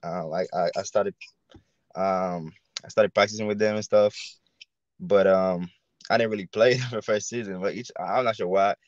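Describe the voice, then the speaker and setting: A man's voice: on the low side, fairly even intonation, no room sound. A young man from Haiti, a college punter, talking casually on a video call with frequent fillers and restarts. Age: young adult. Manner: halting, many fillers and restarts. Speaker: guest, college football punter. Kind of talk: casual interview. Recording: dull lo-fi video call audio.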